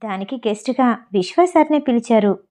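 A woman's voice: fairly high pitch, lively intonation, a little fast, dark tone, close to an everyday voice. Woman reading a businesslike young assistant.

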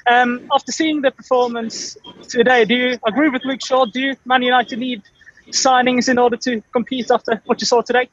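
A man's voice: extremely high pitch, level tone, fairly quick, fairly bright tone, no echo, muffled recording. A male reporter asking a long, stumbling question at a press conference.

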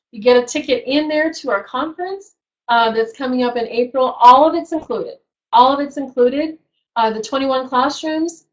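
A woman hosting a business group, giving an enthusiastic, repetitive sales pitch to a live audience and closing in prayer, her voice strained and going hoarse. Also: dull audio. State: losing her voice, clearing her throat. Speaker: host of a women's business group. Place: event room with a live audience.

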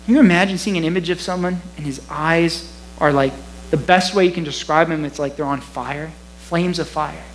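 A man preaching a sermon as pastor in a church, conversational and animated, often laughing at himself. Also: fairly high pitch, normal speed, slight background noise, poor audio.

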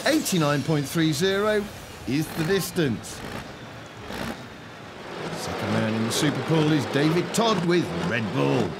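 A man commentating as a tractor pull announcer, with loud engine noise behind him. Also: on the high side, lively intonation, unhurried, long pauses.

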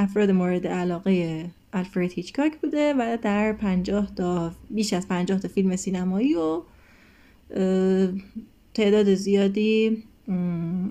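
A woman teaching an English lesson in a recorded video, explaining in Persian and reading English words and sentences aloud slowly. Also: mid-range voice, warm tone. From Iran.

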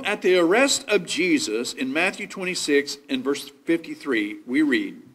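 A man preaching a sermon at a pulpit microphone, explaining scripture point by point in a measured way. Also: high voice, fairly bright tone.

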